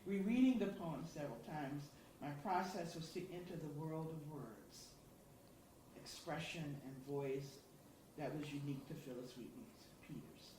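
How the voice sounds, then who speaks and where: At a symposium, a contributing poet talks earnestly and reflectively about her work, her low voice moving at a moderate pace with occasional small restarts. The recording picks her up from far away in a highly reverberant hall, and there's noise in the background.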